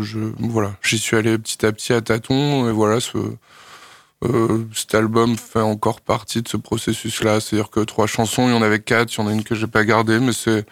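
This young Frenchman, a singer-songwriter, responds to a radio interviewer hesitantly and thoughtfully, pausing often and using plenty of fillers. His voice is on the low side, and the clean studio audio has no room sound.

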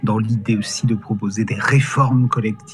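A man's voice: fairly low pitch, steady tone, fairly quick, faint music behind. A man speaking as an academic expert in a phone interview, explaining hesitantly and searching for his words.

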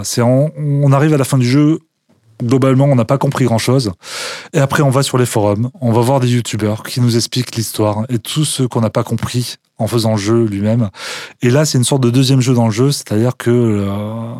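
A man talks as a guest on a relaxed radio interview, recorded in a dry, close studio. His voice sits at an ordinary pitch. He speaks with enthusiasm but hesitates often, filling the gaps with fillers. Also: moderate pace, no room sound.

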